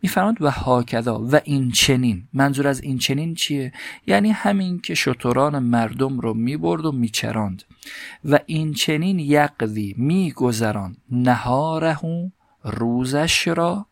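A man's voice: expressive, creaky, no room sound. Man, grammar teacher, patient explainer, dry close-miked lecture. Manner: explanatory, recites Arabic phrases slowly and higher. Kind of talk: classroom lecture explaining a text.

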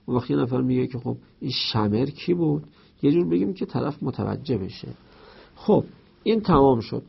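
Gravelly-voiced man teaching rhetoric. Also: mid-range voice, animated, muffled recording. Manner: explains with everyday examples and reads out Arabic text. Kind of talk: explaining a rhetoric textbook.

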